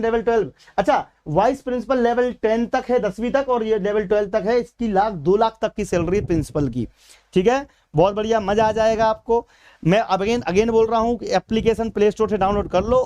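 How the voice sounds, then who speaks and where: Male coaching teacher, Madhya Pradesh Hindi accent, high, clean voice, chatty live-class delivery. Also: a little mellow. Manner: chatty, addresses viewers as beta and bhaiya. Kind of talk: live exam-prep class.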